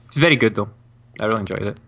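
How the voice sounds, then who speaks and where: A man's voice: lowish voice, rapid-fire, a bit bright. A man co-hosting a podcast, chatting casually, laughing often and repeating words as he talks. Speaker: podcast co-host.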